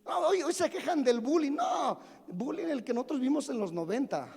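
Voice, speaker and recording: The man's voice is extremely high, expressive and a little mellow, at normal speed. He's a pastor in his forties delivering a sermon full of self-directed humor and questions for the congregation, echoing with long church reverb.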